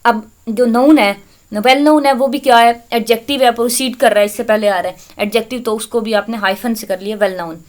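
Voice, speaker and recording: A woman teaching an English grammar lesson. She reads English example sentences slowly, then explains them briskly in Hindi-Urdu. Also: a little high, fairly even intonation.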